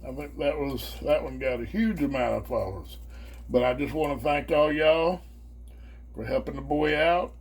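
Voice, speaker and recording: A man's voice: fairly high pitch, normal speed, husky. A man chatting casually and colloquially as he hosts a homemade cooking demonstration. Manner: folksy, colloquial, with y'all and homespun phrases. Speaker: host of a home cooking video channel. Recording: faint background noise and hum.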